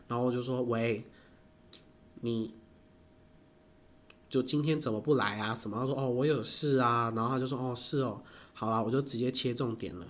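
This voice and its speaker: A man, telling stories in casual chat, animated and laughing often. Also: medium pitch.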